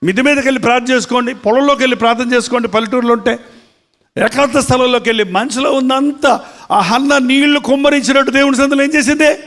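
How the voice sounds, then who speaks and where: A man preaches a sermon in a dramatic, emphatic style. His voice is fairly high for a man, and he keeps asking his listeners rhetorical questions. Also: fast, fairly bright tone. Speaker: pastor.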